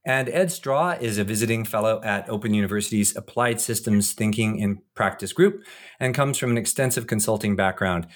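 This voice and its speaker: A man with a fairly low voice co-hosts an interview podcast, introducing and questioning guests informally in a somewhat halting, wordy manner.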